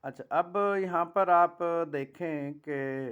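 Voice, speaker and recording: A man's voice: on the high side, steady tone, a bit bright, smooth, muffled recording. Patient male shorthand teacher, Pakistani accent. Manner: explains step by step, slowly dictates practice sentences word by word. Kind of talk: classroom lecture.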